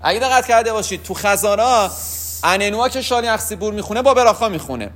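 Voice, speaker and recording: A man giving a spoken religious lesson, explaining the rules of prayer and pausing often to ask and answer his own questions. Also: high-pitched, lively intonation, fairly bright tone. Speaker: religious teacher.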